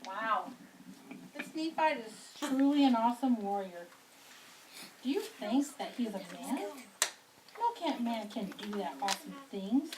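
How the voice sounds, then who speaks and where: A woman's voice: on the high side, expressive, a little slow, long pauses. A woman voicing a gullible, nervous sock puppet king in a goofy, over-dramatic way for an amateur show. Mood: amazed, aghast. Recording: distant mic with faint noise.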